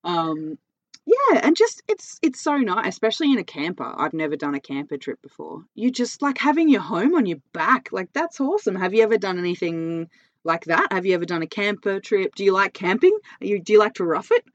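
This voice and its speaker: A woman's voice: mid-range voice, big pitch swings, a little fast, dry recording, highs cut off. A woman chatting casually and candidly, telling travel anecdotes in an informal way with lots of "like".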